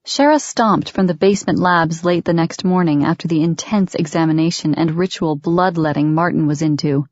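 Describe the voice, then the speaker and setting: A woman reading an audiobook aloud in a steady, measured narration. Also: sits low, no room sound, highs cut off. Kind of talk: scripted narration.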